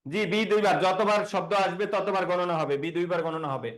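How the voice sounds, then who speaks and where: উঁচু গলার শিক্ষক. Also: male voice, high voice, brisk, fairly bright tone, poor audio. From Bangladesh. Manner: repeats key words, quizzes students with questions. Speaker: teacher. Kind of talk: classroom grammar lesson.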